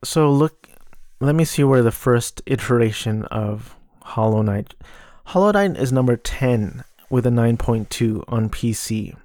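Guy doing a casual solo podcast, monotone w vocal fry, kinda stammery and low energy, dry sound. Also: a little slow, no room sound. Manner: hesitant, stammering with repeated words. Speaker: podcast host. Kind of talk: casual solo podcast talk about video games.

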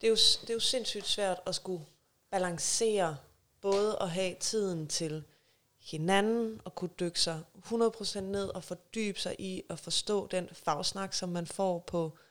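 A woman interviewer speaking in a measured, supportive way during a conversation. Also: medium pitch, fairly bright tone. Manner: measured, supportive, short affirmations.

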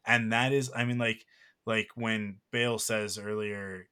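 Male podcast host, low-ish voice, rambling and heartfelt. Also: steady tone, slow pace, bright, forceful tone, clean tone. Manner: rambling, emotional, many fillers and restarts. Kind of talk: casual podcast chat.

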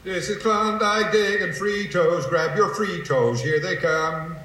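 A man voicing an old prospector miner in a slow, drawn-out 1950s advertising character voice. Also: sits high, sharp tone, exaggerated voice. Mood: folksy, obliging. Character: old prospector miner Klondike, an animated mountain-dwelling vending figure. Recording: distant, very echoey archive character recording.

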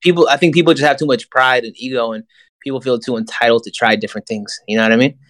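A man's voice: medium pitch, quick pace, fairly bright tone, dry recording. A young American man chatting casually as a podcast guest, in slangy speech with frequent conversational tags. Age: young adult. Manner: slangy, peppered with "man" and "you know". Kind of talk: casual chat.

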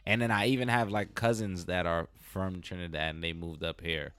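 A man's voice: sits low, steady tone, moderate pace, a bit bright, smooth, dry recording. A man with a New York accent, a guest in a casual podcast chat, rambling through many fillers and restarts.

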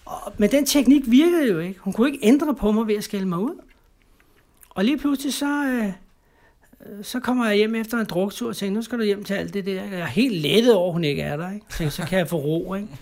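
In a high voice with a darkish tone, a middle-aged Danish man recounts his personal story during an interview. His speech is halting and repetitive, and he tends to finish lines with tag questions.

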